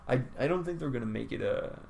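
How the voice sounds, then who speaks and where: A man's voice: medium pitch, animated, fast, creaky, darkish tone, slight background noise. A man co-hosting a podcast in casual chat, tired and yawning, rambling and restarting his sentences as he speculates. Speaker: podcast co-host.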